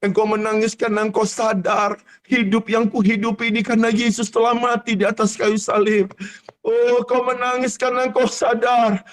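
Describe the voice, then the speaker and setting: Impassioned high-voiced male preacher. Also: level tone, moderate pace. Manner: impassioned, swings from shouted exhortation to hushed intensity, speaks in tongues. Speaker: pastor. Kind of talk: charismatic prophetic sermon.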